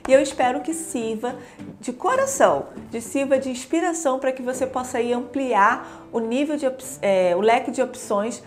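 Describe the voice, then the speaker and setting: Chatty Brazilian woman, slightly high voice. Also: normal speed, a little hiss or hum. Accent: Brazilian Portuguese. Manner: chatty, frequent tag questions, shows materials to camera. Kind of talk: casual explanatory demonstration.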